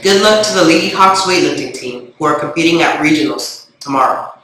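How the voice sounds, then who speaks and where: A man's voice: on the high side, animated, a little fast, bright, forceful tone. A man reading a list of school announcements, heard over a school intercom. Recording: echoey intercom with faint background hiss.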